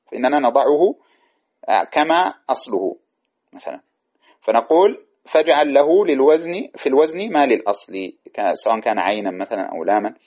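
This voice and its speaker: Fast-talking husky male grammar teacher. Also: mid-range voice, darkish tone. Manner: asks and answers his own questions; recites lines of verse slowly. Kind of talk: classical grammar lesson explaining verse. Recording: dull lo-fi recording.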